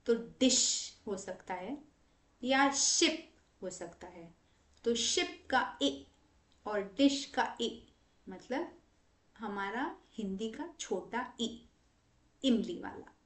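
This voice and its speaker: An Indian woman teaches pronunciation at an unhurried pace, stretching out each vowel so it can be heard clearly. Her voice sits a little high. The room around her is echoey. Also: expressive, a bit bright. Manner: slow, patient, demonstrates sounds by drawing them out. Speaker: English pronunciation coach. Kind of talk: relaxed explanatory lesson.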